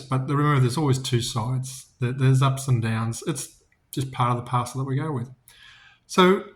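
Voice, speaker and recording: A man with a mid-range voice gives a casual, reflective talk about faith and business in an echoey room. He speaks informally and tells stories, often restarting his sentences.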